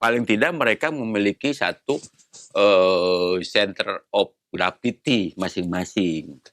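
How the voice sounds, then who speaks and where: A man's voice: on the low side, slow, a bit bright, no room sound, studio quality. A man in his sixties, a retired navy admiral, explaining patiently in a casual interview and posing rhetorical questions. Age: 60s.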